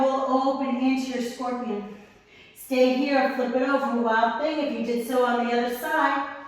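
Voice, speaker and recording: A woman with a high voice leads a yoga class, her calm cues a little breathless because she holds each pose herself. She sounds set back from the mic, and her voice rings through a very echoey room with a long reverb tail. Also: distant mic. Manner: calm, encouraging cues while holding poses herself. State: slightly strained breath while in poses. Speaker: yoga instructor. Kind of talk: guided yoga class instruction.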